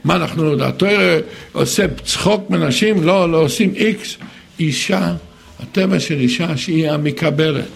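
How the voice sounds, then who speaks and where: An older man giving an animated sermon, acting out other people's words in raised voices. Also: on the high side, vocal fry, slightly rough.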